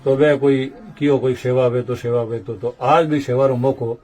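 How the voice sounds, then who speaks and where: Older man, Marwari accent, devotional storyteller, chants couplets slowly, mid pitch. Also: steady tone, a little mellow. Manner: slow chanting delivery of couplets. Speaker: saint narrating temple history. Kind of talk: devotional storytelling with recited verse.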